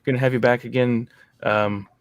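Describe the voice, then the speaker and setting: A man's voice: mid-range voice, little pitch movement, normal speed, smooth, no echo. A man hosting a casual group video chat in an easygoing way. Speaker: host.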